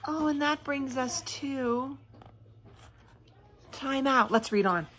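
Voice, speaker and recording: Indoors at home by a fireplace, a woman reads a children's story aloud with expression, stopping for chatty asides and questions to her young listeners. Her voice sits high, a bit bright, and slow.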